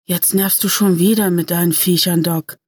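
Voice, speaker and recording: A cheeky, grinning young lad who likes to philosophize, as a woman reads him, in a dry, close voice with a lifted pitch. He sounds playful and a bit smug in a story reading. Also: fairly even intonation, moderate pace, a little mellow, husky, dry recording. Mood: teasing. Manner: cheeky, musing. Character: cheeky, grinning young male gang member.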